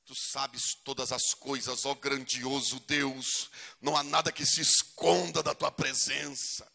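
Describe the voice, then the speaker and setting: A preacher playing a pompous believer who prays slowly in lofty, overblown words. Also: male voice, mid-range voice, little pitch movement, gravelly, sharp tone, in a large hall, voice pushed down, full character voice. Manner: slow, solemn, overblown.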